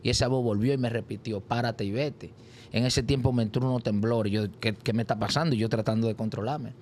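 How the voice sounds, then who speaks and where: Man, animated testimony, acts out voices, faint noise behind. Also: fast talker. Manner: acts out voices in his story with sudden high cries. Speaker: interview guest.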